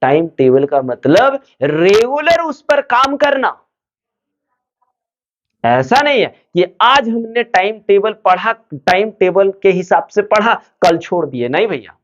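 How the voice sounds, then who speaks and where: A man giving students study advice like a teacher, his pitch rising and falling a lot. He asks a question and answers it himself, and the recording sounds dull and lo-fi. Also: very animated, slow. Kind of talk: motivational study talk to students.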